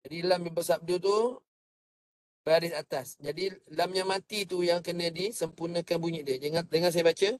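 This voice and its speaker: A man teaching Quran recitation. He explains each point calmly and sings the verses in a drawn-out chant for students to copy. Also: on the high side, no room sound. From Malaysia. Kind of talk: slow patient recitation lesson. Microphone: online class microphone.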